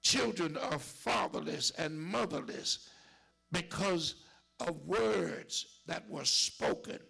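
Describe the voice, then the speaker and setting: A man's high, husky, gravelly voice moves slowly through a sermon with a church call-and-response rhythm. Repetition drives it forward, and he alternates between mounting shouts and sudden whispers.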